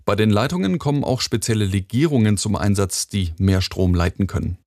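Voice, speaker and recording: Low-voiced male news reporter. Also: brisk, background noise. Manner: steady informational reading.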